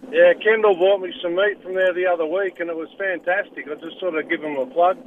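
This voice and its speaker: A man's voice: high voice, fairly even intonation, fairly quick. A man calling a radio show, friendly and rambling, on a tinny phone line with faint noise. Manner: friendly, rambling, says mate. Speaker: caller. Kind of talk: talkback call.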